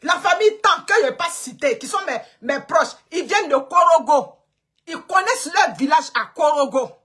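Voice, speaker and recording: With a high, expressive, sharp-toned voice at a normal pace, a woman from Côte d'Ivoire lectures her listeners. She is an online commentator at home in Canada, and her political monologue is emphatic and repetitive as she hammers her points home.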